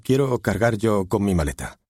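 A man's voice: on the low side, big pitch swings, moderate pace, darkish tone, slightly rough, dry recording, clean studio sound, pitched above the performer's own voice. A man voicing an evasive, defensive husband in an audiobook, speaking curtly.

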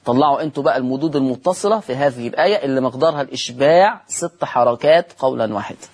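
Husky Egyptian man teaching Quran recitation. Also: mid-range voice, darkish tone. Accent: Egyptian Arabic. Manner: asks questions and answers them himself, stretching example words slowly. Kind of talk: televised tajweed lesson.

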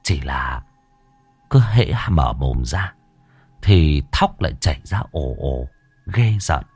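A man narrating a village horror story in a dramatic, expressive storytelling manner. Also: rumbling low, slow pace, husky, no room sound, soft background music.

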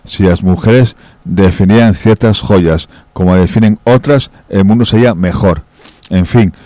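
A man's voice: fairly low pitch, dry recording, natural voice. El Coyote, a man playing a suave masked outlaw. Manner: calm, ironic, measured.

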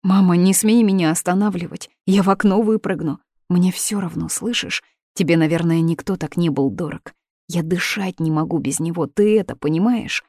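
A woman's voice: low-pitched, normal speed, darkish tone, slightly rough, no room sound. Desperate young woman, read by a woman, urgent pleading outbursts, raised voice, dry close sound. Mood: frantic.

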